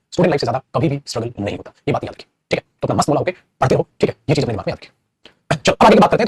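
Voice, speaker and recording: A man teaching an English grammar class, animated and addressing his students fondly. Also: fairly high pitch, breathy edge, no room sound. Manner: animated, addresses students as beta and bhai, playful acted asides. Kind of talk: classroom lecture.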